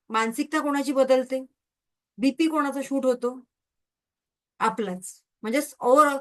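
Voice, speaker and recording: A woman teaches an online Reiki class. She talks in a lively way and keeps checking in with her students through a video-call mic. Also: sits high. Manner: lively, quizzes the class with repeated questions.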